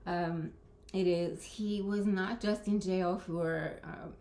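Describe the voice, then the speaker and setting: A woman's voice: on the low side, steady tone, slow pace, mellow. A woman giving an informal spoken lesson to camera, hesitant, with many fillers and restarts. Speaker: presenter.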